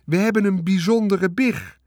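A man's voice: mid-range voice, normal speed, dry recording, studio quality, close to an everyday voice. A man voicing a middle-aged farmer in a storybook reading, talking in a solemn, insistent way. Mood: excited insistent. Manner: rising to excited, insistent declaring.

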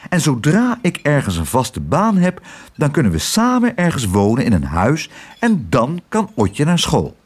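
A man's voice: on the high side, wildly swooping pitch, unhurried, breathy edge, full character voice. A man voicing a modest, shy young father who answers politely and a little hesitantly.

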